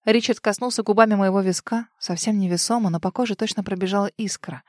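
A woman narrating a first-person audiobook in an expressive, emotional way. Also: mid-range voice, fast talker, no room sound, studio quality.

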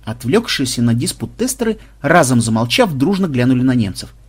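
A man narrating an action audiobook in an expressive manner. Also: mid-range voice, brisk, slightly rough.

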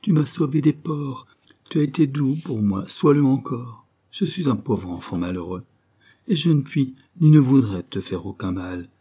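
Timid orphan boy, pleading, dark husky tone, from a male reader. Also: medium pitch, animated, moderate pace, voice pushed up.

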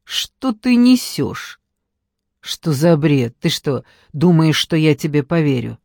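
A man reading an audiobook, voicing a cold, mocking female interrogator who speaks calmly and sneers. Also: on the high side, slow pace, gravelly, no echo, heavily acted. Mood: menacing. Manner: calm, sneering, dry laugh.

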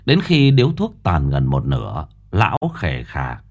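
Lively male ghost-story narrator. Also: a bass voice, measured pace.

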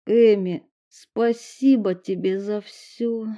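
A woman reading a storybook voices a badly wounded teenage girl who speaks slowly and with strain. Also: on the high side, dark tone, muffled recording. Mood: tender. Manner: slow, strained, halting speech.

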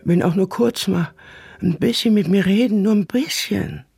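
A woman's voice: mid-range voice, normal speed, vocal fry, dark tone, slightly rough. A woman playing a lonely, half-paralyzed aging mother in a radio drama, pleading with her returned son. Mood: bitter pleading. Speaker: mother figure in a radio play.

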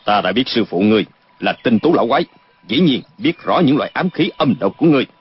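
An actor playing a stern, commanding martial-arts hero, cool and firm, in a dull lo-fi recording with faint noise. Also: male voice, mid-range voice, lively intonation, fast, breathy edge. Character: stern heroic male warrior in his prime.

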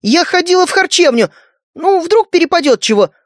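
Guy doing a squeaky scared little mutant girl, pleading, dry close sound. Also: very animated, brisk, dry recording.

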